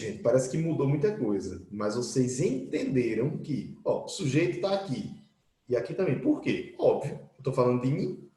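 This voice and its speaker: A man teaching an English grammar class online, acting out his students' questions as he explains. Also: a little high. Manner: lively, voices imagined student questions. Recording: echoey room.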